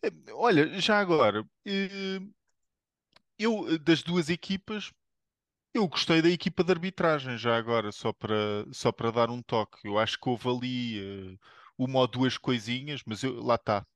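A man's voice: mid-range voice, moderate pace, no room sound. A man with a European Portuguese accent chatting casually, hesitant and stumbling over the starts of words. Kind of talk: casual chat.

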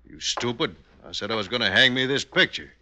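An actor in an old-time radio drama playing a folksy American outlaw husband, gruff and laconic. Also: male voice, medium pitch, animated, a little fast, sharp tone. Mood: curt, bossy. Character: outlaw husband come home, gruff, watchful and easygoing. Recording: old radio recording with hiss, clicks.

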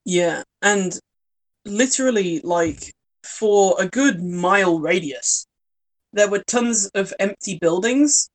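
A woman's voice: mid-range voice, slow, low-quality recording. Giggly young British woman chatting. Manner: rambling, lots of fillers, giggly. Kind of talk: casual chat. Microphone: voice call.

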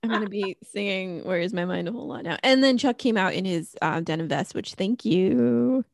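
A woman co-hosting a casual podcast chat in a relaxed, wry, teasing manner. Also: mid-range voice, brisk, creaky, no room sound, studio quality. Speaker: podcast co-host.

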